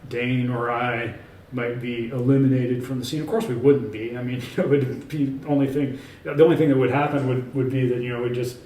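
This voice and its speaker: Brisk, with hardly any pauses, this author's dark mid-range voice keeps a fairly even intonation as he rambles through an informal in-person interview. His delivery is self-assured and emphatic despite many fillers and restarts. He's far from the mic in an echoey room with faint ambience.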